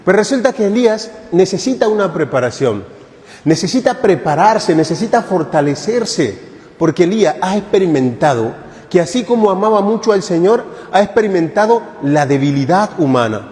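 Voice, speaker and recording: A man's voice: high voice, expressive, normal speed, a little mellow, long reverb tail. A man who is a priest, giving a catechesis sermon at a retreat in a conversational, joking way and putting questions to the congregation. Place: parish church.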